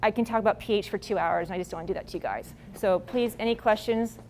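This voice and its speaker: A woman's voice: mid-range voice, quick pace, a little mellow, a little hiss or hum. A woman presenting farming advice at a workshop in a casual, blunt, folksy way. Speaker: agricultural presenter.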